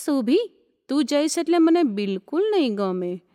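A fond, teasing young husband from a spoken story, read by a woman. The voice stays high and gentle. It sounds through a long hall reverb. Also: sing-song, unhurried. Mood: tender.

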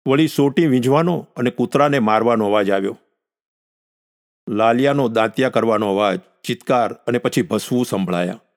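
Guy reading a story out loud, steady and calm, mid pitch. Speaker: narrator.

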